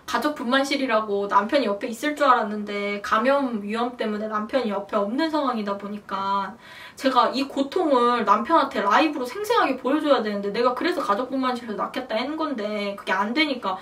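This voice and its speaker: A young woman tells a personal story in a relaxed, chatty vlog. Her voice sits a little high and she acts out her own past lines with animated bursts. The recording has her a bit away from the microphone. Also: a little fast, hardly any pauses, distant mic. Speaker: vlogger. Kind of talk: casual storytelling to camera.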